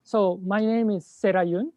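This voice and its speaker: A man's voice: sits high, steady tone, normal speed, no room sound. A man from Japan in his thirties, a social entrepreneur telling his personal story as an interview guest. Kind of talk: interview answer. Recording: dull lo-fi audio.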